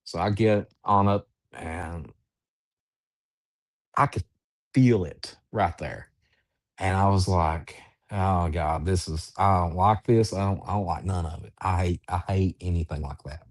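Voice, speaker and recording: Deep-voiced male guest, halting storyteller, dry close sound. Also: dry recording. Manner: slow, halting storytelling with restarts. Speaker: guest, Bigfoot researcher. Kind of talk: storytelling in an interview.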